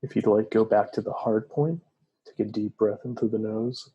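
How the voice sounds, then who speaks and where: Male meditation guide, mellow and breathy, calm soothing delivery. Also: fairly low pitch, muffled recording. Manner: slow, soft, soothing instructions.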